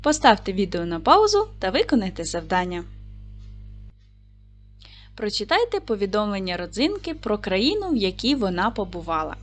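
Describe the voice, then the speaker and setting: A woman teaching a recorded lesson for primary school children, speaking clearly and patiently to the class. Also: medium pitch, very animated, moderate pace.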